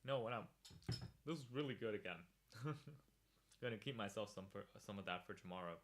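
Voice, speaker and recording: A man's voice: fairly low pitch, fairly quick, noisy background. A man hosting a livestream podcast, chatting casually, laughing often and reacting to viewers in chat.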